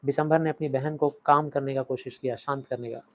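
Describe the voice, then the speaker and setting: A man teaching a short story in Hindi, reading English lines with an Indian accent and acting out quoted lines before dropping to quiet asides. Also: mid-range voice, fairly even intonation, fairly quick, lo-fi sound. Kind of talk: explaining a story in Hindi lecture.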